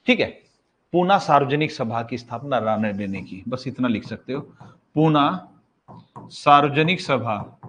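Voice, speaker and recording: A man's voice: medium pitch, expressive, normal speed, a little hiss or hum. Male teacher drilling exam facts. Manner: asks questions and answers them himself, repeats key facts; casual, addresses students as bhai. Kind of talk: exam-prep history lesson. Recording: slightly dull lo-fi sound.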